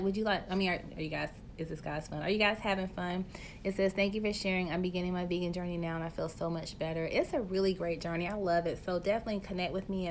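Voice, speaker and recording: A health coach hosts a relaxed live stream from her phone, talkative and playful as she reads comments and speaks straight to viewers. Her pitch is fairly low, and there's slight hiss or hum.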